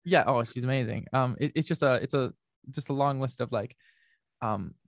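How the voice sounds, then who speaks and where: Young male musician guest, mid pitch, loose and rambling, dry recording. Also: normal speed, gravelly, dry recording. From North America. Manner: rambling, many fillers and restarts. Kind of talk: casual interview chat.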